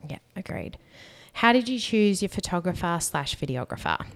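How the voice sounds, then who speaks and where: This is a young woman with a notably low voice. She chats on a podcast in an easygoing, reflective way, reading out questions and talking about staying grounded. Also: normal speed. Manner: relaxed, reads out questions, talks about energies. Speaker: podcast co-host. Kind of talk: casual podcast chat.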